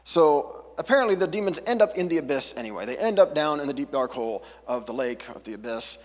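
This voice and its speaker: A man's voice: a little high, big pitch swings, fast, long reverb tail. A man preaching a casual, chatty sermon, breaking off into jokey asides and back. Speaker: pastor. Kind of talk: conversational sermon.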